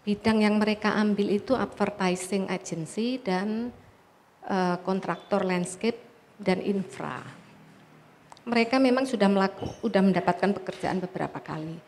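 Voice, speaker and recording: A woman's voice: medium pitch, moderate pace, darkish tone, a little hiss or hum. A woman who runs a business, asking a question from the audience at a forum, hesitant and searching for words.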